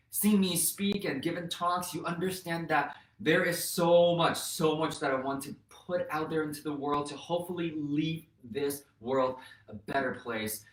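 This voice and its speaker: A man in his thirties, a native Mandarin speaker and real estate educator, hosts a motivational vlog talk to camera, earnestly encouraging viewers he calls "you guys." His voice is a little high and a bit bright, picked up by a distant mic in an echoey room.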